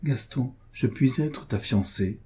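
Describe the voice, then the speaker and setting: A man's voice: mid-range voice, slow, warm tone, husky. A man voicing a young, devout duchess in love, in a pleading, earnest tone. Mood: pleading tender.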